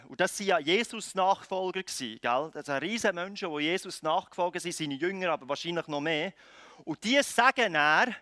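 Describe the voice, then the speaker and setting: A man's voice: sits high, pushed and bright, no echo. A man preaching a sermon in a conversational way, acting out scenes with frequent restarts. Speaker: pastor.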